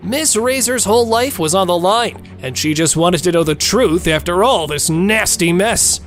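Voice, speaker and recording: A woman's voice: fairly low pitch, expressive, moderate pace, faint music behind. A woman narrating a scripted recap of a reality court show in a gossipy, theatrical, cheeky way, playing up the melodrama.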